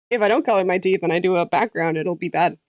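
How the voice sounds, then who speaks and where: Speaking fairly quickly in a fairly low voice, a Canadian VTuber artist chats casually while drawing on stream. She thinks out loud and often drifts off mid-sentence, with no echo in the audio.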